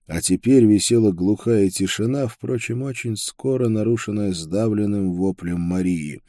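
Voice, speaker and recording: A male narrator reads a dark story in the first person with a measured, dramatic delivery. His voice sits very low and has a dark tone. The recording is dry and close, with no room sound. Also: no room sound. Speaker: audiobook narrator.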